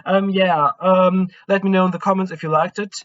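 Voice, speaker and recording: A man's voice: high voice, little pitch movement, normal speed, fairly bright tone, lo-fi sound. A man with a German accent giving a casual history talk, hesitant and full of ums and self-corrections. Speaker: history channel host.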